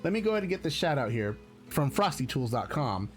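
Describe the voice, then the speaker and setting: A man's voice: mid-range voice, very animated, quick pace, soft background music. A man chatting casually on his game stream, rambling and laughing often. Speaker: gaming streamer. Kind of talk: casual live-stream chat.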